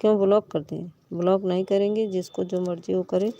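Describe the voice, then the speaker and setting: A woman's voice: on the low side, steady tone, brisk, dark tone, lo-fi sound, slight background noise. A woman hosting a live stream, talking to her viewers in a pleading, reassuring way and scolding commenters who argue.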